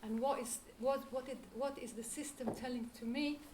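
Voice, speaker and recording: An Israeli-accented woman whose first language is Hebrew takes audience questions as a lecturer, thoughtful and hunting for words. Her voice is high, fairly even in intonation, at a normal speed. It's recorded in a roomy lecture hall with a distant mic and background noise.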